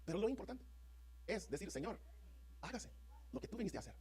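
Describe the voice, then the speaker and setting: A man's voice: sits high, very animated, darkish tone, breathy edge. A man preaching a sermon to his congregation as pastor, fervent and emphatic, often asking if they are with him. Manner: fervent, rapid preaching with rising emphatic peaks; addresses congregation as brothers, asks "¿están conmigo?". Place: church sanctuary.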